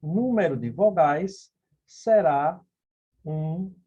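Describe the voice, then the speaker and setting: Speaking extremely slowly, a Portuguese grammar teacher with a warm, slightly rough, higher-pitched voice expressively solves phonetics exam questions step by step. He keeps checking in with "ok?" and "beleza?", and the recording is lo-fi and dull.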